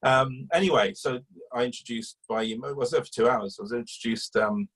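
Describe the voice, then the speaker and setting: Husky man telling a story. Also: mid-range voice, a little fast, fairly bright tone, rough recording. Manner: chatty, rambling with fillers and restarts. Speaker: guest, animal welfare campaigner. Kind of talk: casual interview storytelling.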